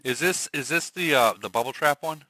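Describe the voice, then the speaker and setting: A man hosting a casual game stream, walking through a play step by step with excitement. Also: fairly high pitch, fairly quick, no room sound, low-quality recording. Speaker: streamer host.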